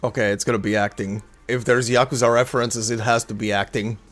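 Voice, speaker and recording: A man's voice: medium pitch, level tone, a little fast, fairly bright tone. A man doing casual gameplay commentary as a streamer, with dry, offhand reactions.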